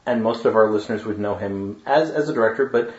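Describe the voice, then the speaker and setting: A male podcast co-host on a video call who sounds like he is inside a tin can, talking casually in a halting way with many fillers and restarts. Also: lowish voice, darkish tone. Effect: sounds like he is inside a tin can over a video call. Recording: boxy, echoey, dull video-call audio.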